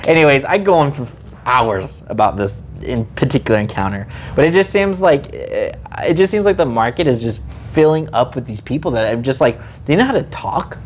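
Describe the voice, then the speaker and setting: Man, podcast co-host, exasperated and animated, mid-pitched. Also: a little fast, a little hiss or hum. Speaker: card shop co-host. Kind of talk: casual podcast chat.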